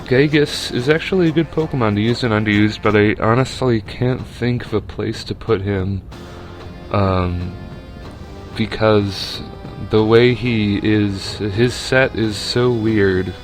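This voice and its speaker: A man's voice: lowish voice, takes it slowly, faint music behind. A young man giving casual, rambling commentary over a video game battle, with lots of fillers and restarts.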